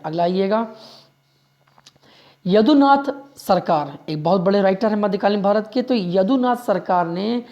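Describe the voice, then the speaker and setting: A man's voice: high voice, darkish tone, lo-fi sound. A male history teacher runs an exam-prep lecture. He drills each fact by saying it again and again. He keeps pressing his listeners to remember every point and stops now and then to correct himself. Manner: drills facts by repeating them; corrects himself mid-sentence.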